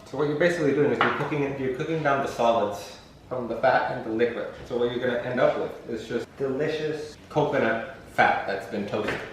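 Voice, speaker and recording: A man's voice: medium pitch, fairly quick. A man hosting a casual, rambling home recipe video, talking playfully with dry, self-deprecating asides. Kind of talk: casual, rambling cooking demonstration. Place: indoors at a stove, echoey room. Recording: echoey, distant mic with faint noise.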